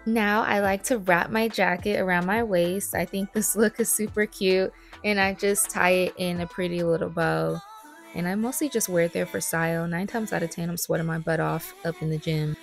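A woman's voice: on the low side, fairly even intonation, moderate pace, vocal fry, soft background music. A young woman narrating a get-ready-with-me voice-over, chatty and playful, joking about herself. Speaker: beauty and fitness vlogger.

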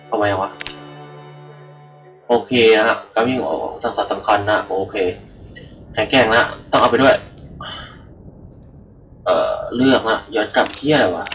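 A man's voice: lowish voice, measured pace, long pauses, fairly bright tone, soft background music, low-quality recording. A young man giving rambling, casual let's-play commentary into a computer microphone, swearing freely and talking to his viewers. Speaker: gaming channel host.

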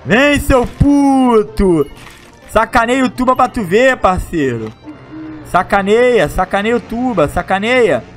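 A young Brazilian gaming YouTuber with a high-pitched voice commentates his gameplay at an unhurried pace, loud, slangy and excitable, shouting at big moments. Faint game music runs beneath him.

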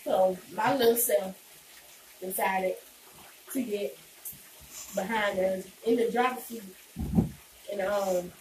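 Distant, slow-talking young woman in echoey room. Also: medium pitch, a little mellow. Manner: talking while eating. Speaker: vlogger. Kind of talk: casual mukbang chat. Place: indoors, small home room. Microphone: phone camera a few meters away. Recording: distant, echoey, noisy phone-camera recording.

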